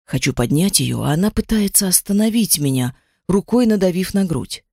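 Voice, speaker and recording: A dramatic first-person audiobook narration, the reader's pitch swinging widely as the story is told. The sound is dry and close, with no room echo at all. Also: lively intonation, moderate pace, gravelly, a little mellow, husky.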